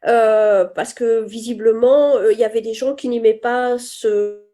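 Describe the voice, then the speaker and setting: Hesitant woman in her fifties, mellow. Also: a little high, fairly even intonation, unhurried. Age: 50s. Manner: hesitant, searching for words. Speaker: guest. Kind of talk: casual chat.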